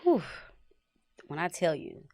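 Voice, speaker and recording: Low-voiced woman telling her story. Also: big pitch swings, slow, dark tone, dry recording. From Haiti. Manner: reflective storytelling, many "like" and "you know" fillers. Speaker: film director, guest. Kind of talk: casual podcast interview.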